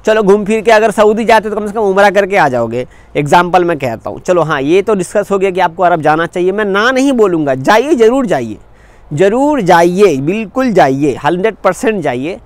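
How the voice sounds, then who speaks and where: A man's voice: high voice, expressive, brisk, hardly any pauses, no room sound. Earnest young Indian man vlogging. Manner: earnest, repetitive advice to viewers. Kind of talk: direct-to-camera vlog talk.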